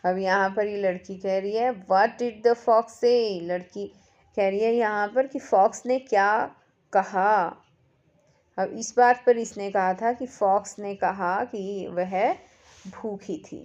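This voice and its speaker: A woman teacher, reading English workbook lines slowly and explaining them in Hindi. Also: mid-range voice, steady tone, darkish tone. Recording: dull lo-fi recording.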